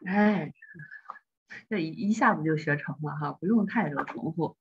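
A woman's voice: low-pitched, normal speed, dull audio, a little hiss or hum. A woman teaching English in an online class, patiently correcting pronunciation over a video call.

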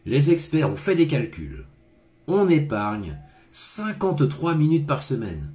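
A man voicing a brisk pill salesman while reading a storybook aloud. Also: a little high, wildly swooping pitch, a little mellow, pitched above the performer's own voice. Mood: salesy.

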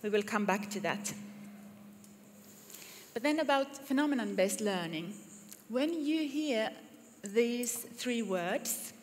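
Finnish lady running a workshop, bit high voice, lots of uh and restarts, echoey conference room, faint hiss. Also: animated, slow. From Finland. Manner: friendly, hesitant, with fillers and restarts. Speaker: workshop presenter. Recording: reverberant hall, faint noise.

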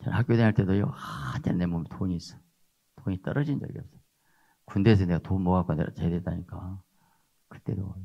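A man's voice: low-pitched, brisk, vocal fry, warm tone. An older man, a pastor, preaching a sermon in an emphatic way and often tagging his points with a questioning "huh?". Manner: emphatic, repeats rhetorical "어?" tags. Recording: dull lo-fi sound.

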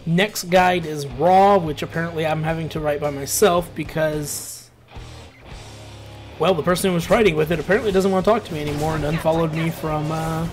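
Gameplay commentator, casual rambling, ranty, medium pitch, soft background music. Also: fairly even intonation, a little fast. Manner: rambling, ranty, laid-back with filler words.

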